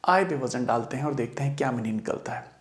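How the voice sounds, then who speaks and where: A man with an Indian accent teaching an English lesson, speaking slowly and deliberately and stressing single words. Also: mid-range voice, lively intonation, roomy sound. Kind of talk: Hindi-language English lesson.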